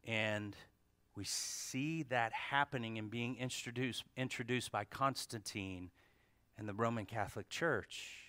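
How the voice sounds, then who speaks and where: A man's voice: mid-range voice, a little slow, bright, forceful tone, dry recording. A man preaching a sermon at a pulpit microphone. He stresses key words, repeats them, and puts rhetorical questions to the congregation. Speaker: pastor.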